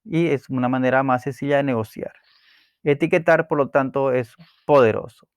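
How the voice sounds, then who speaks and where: A man calmly explaining a self-help book chapter, pausing with fillers and restarting words as he goes. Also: mid-range voice, clean tone, no room sound, studio quality. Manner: calm, explanatory, with hesitations and repeated words.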